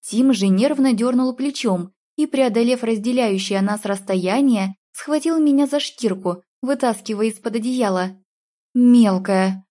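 Warm-voiced woman narrating an audiobook. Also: fairly high pitch, normal speed, few pauses. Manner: emotional, dramatic reading. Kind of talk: first-person audiobook narration.

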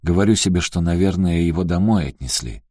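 A man reading a novel aloud as an audiobook narrator, in a measured, even way. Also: low-pitched, slightly rough, no echo, clean studio sound. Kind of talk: scripted narration.

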